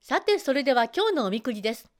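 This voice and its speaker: A woman's voice: high-pitched, sing-song, quick pace. A woman voice trainer giving a chatty spoken self-help talk, acting out her students as she goes. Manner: chatty, acts out quoted students.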